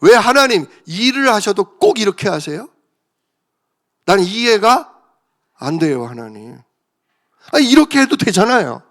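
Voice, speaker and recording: A whiny believer, as a male pastor puts him on, grumbles and pleads in a voice pushed well above his usual pitch. The tone is petulant and sulky, with a gravelly edge. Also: big pitch swings, unhurried, pauses often, a bit bright, heavily acted. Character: whiny adult believer complaining to God.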